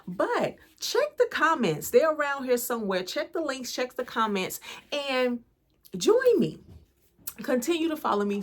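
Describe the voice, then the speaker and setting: A woman's voice: a little high, a bit bright. An American woman, an empowerment coach and channel host, giving an earnest, conversational inspirational talk about faith straight to camera. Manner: earnest, conversational, preacher-like encouragement.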